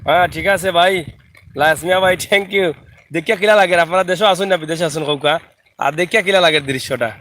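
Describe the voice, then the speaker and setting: A man's voice: on the high side, quick pace, bright, forceful tone. A man with a Sylheti accent chatting live to viewers from a riverside village, greeting them by name. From Bangladesh. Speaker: vlogger. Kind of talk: live video chat while filming outdoors.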